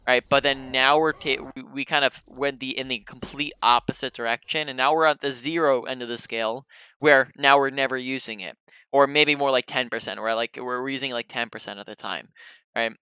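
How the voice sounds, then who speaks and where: Man, game coach, casual one-on-one coaching, patient explaining, crisp voice, dry close sound. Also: medium pitch, fairly even intonation, a little fast, sharp tone, dry recording. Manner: explains patiently, often checks in with "right?".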